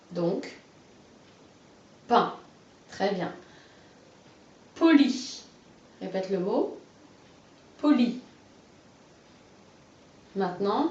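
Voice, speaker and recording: In a dull, roomy recording, a woman with a mid-range voice stands distant from the mic while leading a child through a phonology lesson. She offers clearly spoken words one by one and encourages the responses, speaking slowly, with careful articulation and encouragement.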